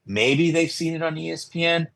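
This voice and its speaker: A man's voice: a little high, moderate pace, creaky, a bit bright. A man talking casually as a podcast guest, informal and emphatic, often repeating his phrases. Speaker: podcast guest, content creator. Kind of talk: casual conversational podcast talk.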